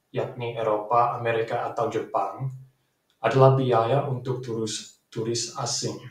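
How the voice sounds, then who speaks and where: Male, Australian accent, native English speaker, foreign learner of Indonesian; careful, deliberate formal speech, distant mic with roomy echo. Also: mid-range voice. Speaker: speech contest entrant.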